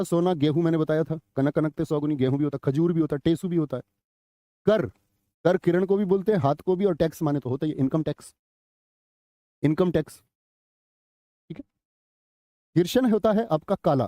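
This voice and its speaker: A man's voice: on the high side, warm tone, no room sound. A middle-aged man teaching a live online grammar class, chatty, telling anecdotes and quizzing students.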